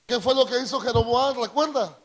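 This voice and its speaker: A man with a Latin American Spanish accent preaching a call-and-response sermon, drawing out key words and prompting the congregation to repeat after him. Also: very high voice. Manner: drawn-out emphatic delivery, prompts congregation to repeat.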